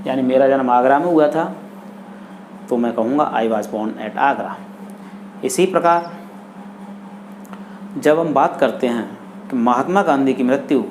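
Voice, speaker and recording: Slow, deliberate male Hindi teacher. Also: medium pitch, a little mellow, slight background noise. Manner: slow, deliberate, repeats example sentences. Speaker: English teacher. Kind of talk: Hindi grammar lesson.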